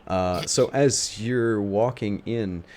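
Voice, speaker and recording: Male game master, very deep pitch, improvised halting tabletop narration, faint noise behind. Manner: halting, thinks aloud while narrating.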